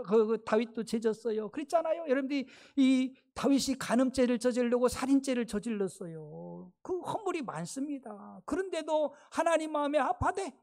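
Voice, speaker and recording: A male pastor preaching a sermon in a church, retelling a story lively and often asking the congregation questions. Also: very high-pitched. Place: church sanctuary.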